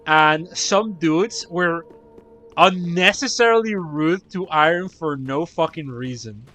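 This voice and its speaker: This young gaming streamer talks slowly in a high-leaning voice that sounds pushed and bright, with faint music in the background. He chats casually while playing, laughing, cursing often, and wandering through his stories.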